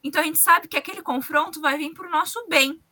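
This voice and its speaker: A woman with a Brazilian Portuguese accent speaks in a high, bright, forceful voice. She explains her points colloquially, in the manner of a conversational religious discussion. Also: fast talker.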